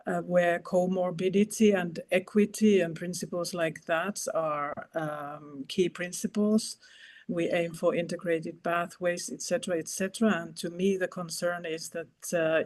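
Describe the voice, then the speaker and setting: A woman on an expert panel asking a startup founder a question over a video call, careful and full of pauses. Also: lowish voice, a little mellow. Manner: careful, many pauses and fillers.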